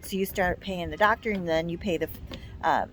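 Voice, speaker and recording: A woman's voice: on the low side, fairly quick, fairly bright tone, slight background noise. An American woman in her fifties chatting casually and giving blunt, emphatic, complaining opinions. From United States. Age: 50s. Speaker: vlog co-host.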